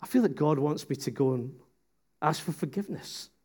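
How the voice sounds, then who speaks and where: A man voicing an earnest, contrite male vicar, speaking quietly. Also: fairly high pitch, expressive, a little fast, breathy edge.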